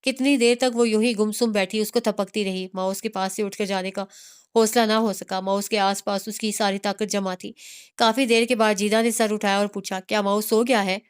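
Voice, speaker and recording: A woman narrating a romantic novel in a steady, measured storytelling voice. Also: mid-range voice, clear, resonant tone. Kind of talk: novel reading.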